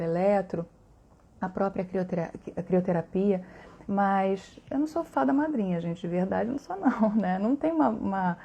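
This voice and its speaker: Chatty Brazilian woman with a dark voice. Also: mid-range voice. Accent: Brazilian Portuguese. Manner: chatty and warm, many tag questions. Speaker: voice therapist hosting a live stream. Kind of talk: casual live-stream talk answering viewers.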